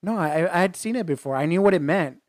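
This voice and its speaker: A man co-hosting a casual faith podcast, talking earnestly in halting phrases with frequent restarts. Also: high voice, lively intonation, darkish tone, dry recording, studio quality. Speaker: podcast co-host.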